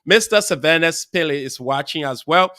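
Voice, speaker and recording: A man hosting a live talk show, rambling through chatty shout-outs to viewers with frequent chuckles. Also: a little high, lively intonation, normal speed, no echo, studio quality. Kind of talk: casual live-show chat. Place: studio.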